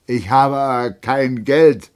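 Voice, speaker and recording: A man voicing a drunken, maudlin army captain who slurs and shouts. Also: mid-range voice, sing-song, measured pace, husky, voice pushed up, full character voice. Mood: drunk, insistent.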